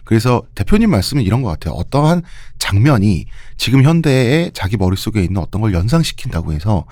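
A man's voice: on the low side, very animated, fast talker, a little mellow, no echo, clean studio sound. A man with slushy, lisping s sounds, telling history conversationally as a podcast host and explaining things with everyday examples.

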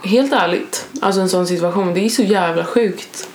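A young woman in casual podcast chat, emphatic and earnest, swearing for emphasis. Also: on the low side. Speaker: podcast host. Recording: echoey room with faint noise.

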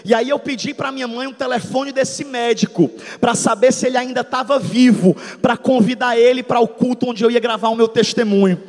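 A man in his thirties, a pastor, preaching a dramatic testimony sermon that swings from soft storytelling to shouts. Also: extremely high pitch, fairly even intonation, fairly quick, creaky, long reverb tail. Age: 30s. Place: church hall.

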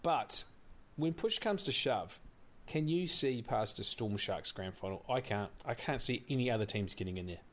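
A man's voice: mid-range voice, animated, normal speed. A man giving blunt, sweary opinions as a casual sports co-host. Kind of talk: casual rugby league commentary.

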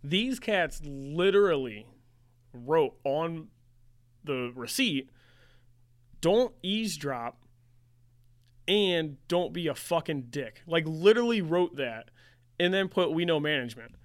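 A young man talking casually on a podcast, rambling through a story and leaning on "like" constantly. His voice sits a bit high and sounds smooth and clear. The recording is close and dry with no room sound. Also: animated, takes it slowly, long pauses, no room sound. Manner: rambling, heavy use of "like". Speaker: podcast host.

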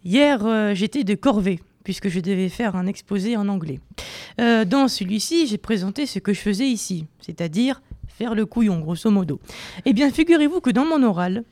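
A man's voice: high-pitched, lively intonation, a little fast, darkish tone, no room sound. A young man delivering a comic opinion column on student radio, mock-boastful and self-mocking, with many hesitations, into a studio microphone. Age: young adult.

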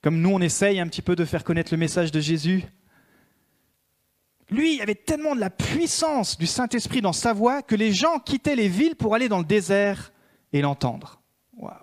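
A man preaching a sermon as a pastor, swinging between emphatic raised peaks and hushed prayerful passages. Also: high voice, expressive, normal speed.

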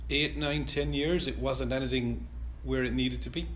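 A man's voice: medium pitch, steady tone, normal speed. Man, middle-aged, west of Ireland accent, mid-range voice, conversational interviewee, ambient noise behind. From County Clare, west of Ireland. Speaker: company manager being interviewed.

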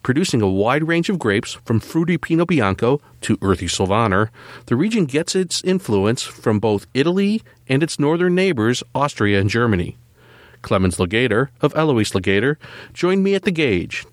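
Male podcast host, mid-pitched, dry close sound, measured scripted read. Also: sing-song, no room sound. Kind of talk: scripted intro and interview questions.

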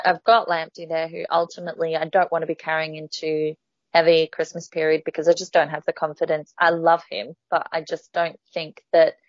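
A woman with a deep voice hosts a casual podcast, chatting with frequent ums and restarts. The sound is dry with no echo, dull and lo-fi.

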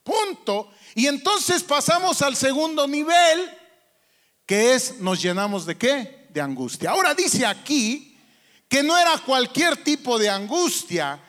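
A man's voice: very high voice, big pitch swings, measured pace, fairly bright tone. A man preaching a sermon as pastor, asking the congregation questions with strong emphasis. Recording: long hall reverb.

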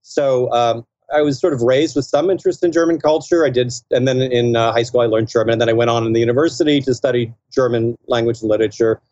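An American man speaking in a measured, thoughtful way as an interview guest. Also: medium pitch, steady tone, a little mellow, highs cut off. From United States. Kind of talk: casual interview.

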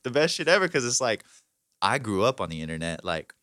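A man's voice: on the low side, big pitch swings, fairly quick, a bit bright, no room sound, studio quality. A man of twenty-eight in casual chat, laid-back and slangy, full of "like" and "bro".

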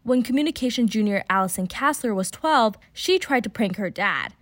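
A woman's voice: fairly high pitch, animated, moderate pace, heavy background noise. Young woman narrating a student podcast. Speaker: podcast host and reporter. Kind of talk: scripted narration.

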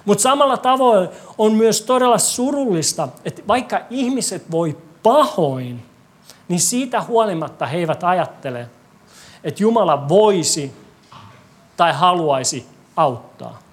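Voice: medium pitch, expressive. Preacher, sermon to a congregation, rhetorical questions, wry humor, church hall.

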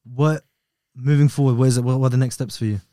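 A man's voice: mid-range voice, fairly even intonation, fast, mellow, no room sound, studio quality. A man, hosting a casual chat in slangy, informal speech. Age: 20s. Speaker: podcast host.

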